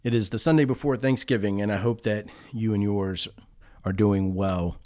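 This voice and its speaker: A man giving a sermon as pastor, in an earnest, measured preaching manner with frequent restarts. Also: fairly low pitch, fairly even intonation, a little mellow, no echo, clean studio sound.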